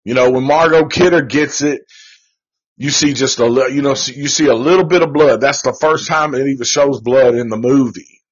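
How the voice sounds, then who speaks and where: A man's voice: medium pitch, moderate pace, husky. A man hosting a live show, reviewing a movie in a rambling, profane, laid-back way with lots of slang. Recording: dull lo-fi recording.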